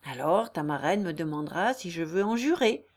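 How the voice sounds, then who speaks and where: A woman's voice: lowish voice, lively intonation, normal speed. A woman voicing an earnest young male lawyer who pleads tenderly and solemnly in a read-aloud novel. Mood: earnest, pleading.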